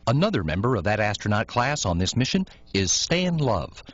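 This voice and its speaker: A man reading scripted documentary narration in a measured, informative way. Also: lowish voice, sing-song, no room sound. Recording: dull lo-fi recording, dry.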